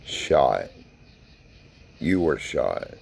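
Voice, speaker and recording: A man with an extremely low, dark voice hosts a spirit box session. He speaks slowly and casually in folksy, plain words, describing what he does and putting questions to spirits. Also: very animated, creaky, breathy edge. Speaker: paranormal investigator hosting a spirit box session.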